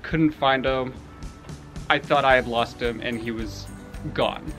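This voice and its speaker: A man's voice: mid-range voice, a little slow. Young guy rambling thru a farm story, laughs a bit, faint music behind. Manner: animated, laughs while telling. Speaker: homestead vlogger. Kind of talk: casual storytelling.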